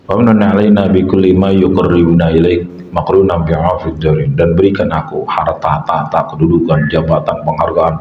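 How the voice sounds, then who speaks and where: A middle-aged man delivering a humorous sermon, quoting Arabic prayers between lively remarks. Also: sits low, reverberant, dull audio, a little hiss or hum. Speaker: kyai leading an Islamic study session.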